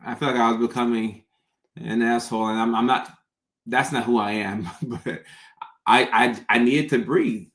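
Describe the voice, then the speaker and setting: A man's voice: mid-range voice, steady tone, moderate pace, a bit bright. A man chatting casually and off the cuff as he answers comments, often repeating phrases for emphasis, with trouble pronouncing his R sounds. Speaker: content creator hosting a live question session. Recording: roomy, echoing sound.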